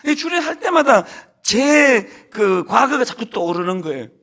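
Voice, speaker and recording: A man's voice: extremely high pitch, big pitch swings, unhurried, fairly bright tone. A middle-aged man preaching a sermon in a church sanctuary, telling self-deprecating stories with humor and joking with the congregation. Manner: jokes with the congregation. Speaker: senior pastor.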